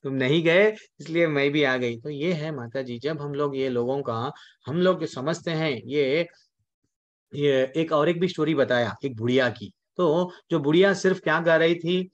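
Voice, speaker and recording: A man's voice: a little high, measured pace. A man telling a devotional story as a sermon. He asks rhetorical questions, answers them himself, repeats words and speaks straight to his listeners. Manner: addresses listeners directly. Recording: dull lo-fi recording.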